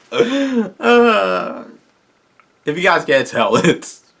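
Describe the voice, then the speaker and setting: Ending an informal Q&A for his channel, a male host rambles eagerly with restarts, sounding tired and strained. His voice is high, creaky, pushed and bright, with a slightly rough edge.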